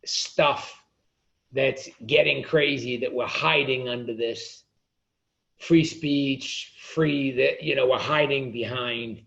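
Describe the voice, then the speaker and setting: Male author guest, gravelly voice, passionate rant, slightly muffled audio. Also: mid-range voice, fairly even intonation, takes it slowly, a bit bright. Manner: passionate, ranting, repeats words. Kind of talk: casual interview chat.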